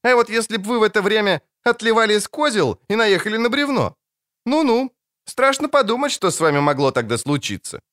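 A man's voice: high-pitched, animated, brisk, fairly bright tone, voice pushed up. Cheeky little girl, voiced by a man. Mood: curious. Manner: pert, sing-song teasing. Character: cheeky young girl, quick and teasing. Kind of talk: audiobook character voice.

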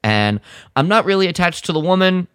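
High-pitched and brisk, this man's voice is a bit bright and smooth, with big pitch swings, captured in studio quality without echo. As a podcast co-host he gives his opinions informally and ramblingly, using "like" a lot.

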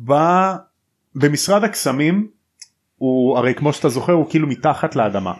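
A man's voice: on the high side, animated. A man hosting a podcast, casually retelling and explaining a story in a chatty, slangy way. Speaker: podcast host.

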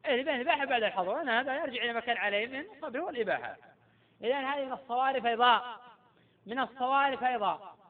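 A man's voice: extremely high pitch, expressive, racing. A middle-aged man teaching Islamic jurisprudence as a sheikh, quizzing his students and repeating key points. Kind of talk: classroom lecture with questions to students. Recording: tinny phone-like lecture recording.

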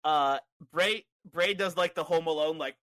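A man co-hosting a podcast, recapping events in a brisk, joking way. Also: on the high side, fairly bright tone, dry recording. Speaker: podcast co-host. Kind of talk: casual recap chat.

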